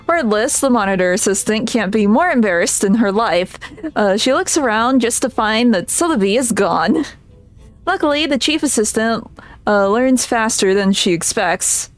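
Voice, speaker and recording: A woman's voice: on the high side, lively intonation, normal speed, soft background music. A woman streamer reading game text aloud on stream, casual and giggly, tripping over words now and then.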